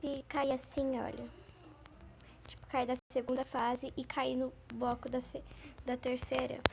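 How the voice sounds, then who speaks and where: A woman hosting a gaming channel, talking through her gameplay in a chatty, rambling, excitable way. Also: high voice, measured pace, vocal fry, slight background noise. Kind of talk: gameplay commentary.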